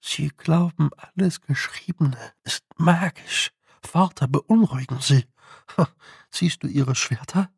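A dry, knowing talking toad, as a man reads it mutters wry advice. The voice is gravelly and slow. It comes close and dry, as in an audiobook. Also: a little high, no room sound, heavily acted.

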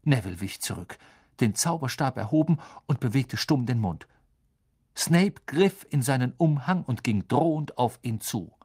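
A man narrating a fantasy story as an audiobook reader, with an expressive, dramatic delivery. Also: mid-range voice, moderate pace, slightly rough. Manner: expressive, dramatic reading with many voice shifts. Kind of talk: scripted narration.

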